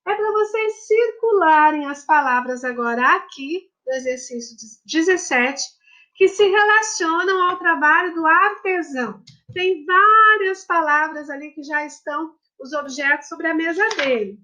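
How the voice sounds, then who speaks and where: A woman's voice: very high-pitched, a little slow, pushed and bright. A woman, a primary school teacher recording a lesson for children, explaining patiently and affectionately step by step.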